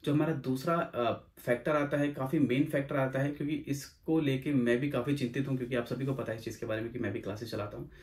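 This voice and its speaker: A man's voice: medium pitch, fairly even intonation, darkish tone. A young man who hosts his own channel, explaining exam tips in a casual, repetitive way and mixing in English phrases. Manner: rapid, repetitive, mixes English phrases into Hindi. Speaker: OET exam coach and channel host. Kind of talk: casual explanatory video talk.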